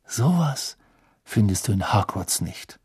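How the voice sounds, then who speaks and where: A man voicing a gawky, easily flustered teenage boy who speaks low and mumbled. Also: big pitch swings, slow pace, darkish tone, husky, full character voice. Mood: hushed.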